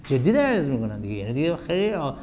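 A man teaching a classroom grammar lesson. He asks the class questions and answers them himself, and his voice drops to a low murmur at the ends of phrases. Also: sing-song, darkish tone, highs cut off. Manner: chants verse slowly.

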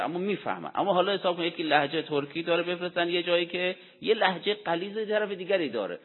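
Man lecturing over a tinny, echoey line. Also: a little high. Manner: poses rhetorical questions and answers them himself; deliberate, explanatory delivery with Arabic quotations. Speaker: religious lecturer. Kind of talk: Quran commentary lecture. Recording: tinny phone-like sound with long hall reverb.

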